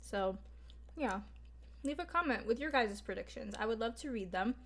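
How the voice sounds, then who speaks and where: With a higher voice and lively intonation, a young woman talks at a moderate pace as she eats for her viewers. It's an informal mukbang chat, heavy on fillers and sprinkled with mild swearing.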